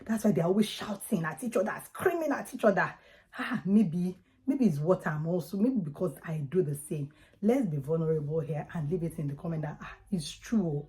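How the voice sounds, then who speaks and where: A woman's voice: fairly low pitch, lively intonation, moderate pace, mellow. A woman with a Nigerian Yoruba accent giving casual, emphatic advice straight to viewers in a conversational way. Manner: emphatic, conversational, acts out examples. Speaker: parenting vlogger.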